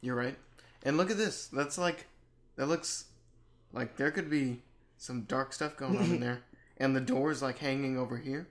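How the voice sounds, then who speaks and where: A young man with a mid-range voice talks casually and at length. He rambles in a relaxed way and trails off before picking his thought back up. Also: medium pitch, moderate pace. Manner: rambling, laid-back with fillers. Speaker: co-host. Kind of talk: casual chat.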